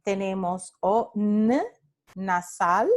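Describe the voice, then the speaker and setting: Woman, phonetics instructor, recorded slide lecture, slow deliberate pace, patient, demonstrates sounds, brief English asides. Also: medium pitch, fairly even intonation. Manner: patient explaining, repeats words to demonstrate sounds; slips into short English asides for students.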